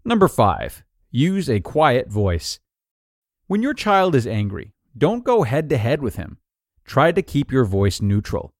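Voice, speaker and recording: A man narrating an article of numbered tips in a clear, even, scripted read-aloud delivery. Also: medium pitch, a little slow, no echo, clean studio sound.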